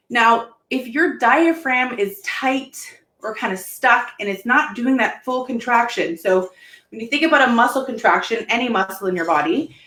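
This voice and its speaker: A woman's voice: a little high, fairly bright tone. A heavily pregnant woman, somewhat out of breath, giving a casual, informal live-stream lesson as a health therapist and checking in as she explains. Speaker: pelvic health therapist teaching. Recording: roomy, echoing sound.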